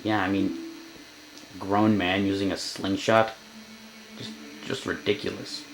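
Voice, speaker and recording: Over video game music, a man offers joking let's play commentary, reading on-screen text and grumbling with sarcasm. His low, gravelly voice keeps a level tone and a slightly slow pace. The recording is rough, with slight background noise.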